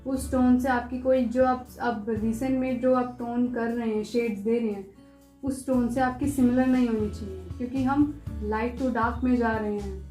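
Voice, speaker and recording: A woman art teacher talking through a step-by-step pencil shading tutorial, patient and repetitive, softly guiding the viewer. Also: on the high side, steady tone. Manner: patient, repeats instructions, soft and unhurried. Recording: echoey room with faint music.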